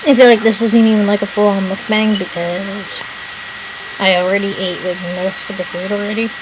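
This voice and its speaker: A woman's voice: medium pitch, level tone, normal speed. A young woman in casual chat as a mukbang vlogger, rambling and swearing casually while she eats. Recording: noticeable background noise.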